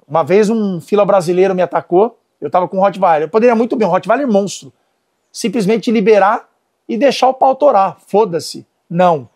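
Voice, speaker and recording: High-voiced Brazilian dog trainer. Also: male voice, brisk. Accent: Brazilian Portuguese. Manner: animated storytelling, gives commands to dogs and helpers. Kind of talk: casual instructional talk.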